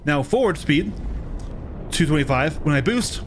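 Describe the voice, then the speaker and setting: A man's voice: on the high side, expressive, measured pace, slight background noise. A man streaming a game, explaining things step by step in a casual way and often checking in with "right?" and "okay?".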